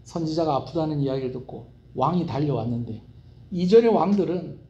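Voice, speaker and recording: A male pastor preaching a Wednesday evening sermon, lively and often asking the congregation questions. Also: a little high, a little fast, muffled recording. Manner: animated, asks the congregation questions. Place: church sanctuary. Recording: roomy church hall echo.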